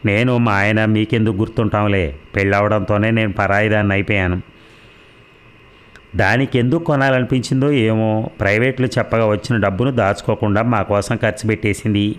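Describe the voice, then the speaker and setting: A man's voice: on the low side, smooth, close to an everyday voice. A man reading the part of a resentful young married daughter in a storybook, sarcastic and complaining. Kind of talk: audiobook character reading.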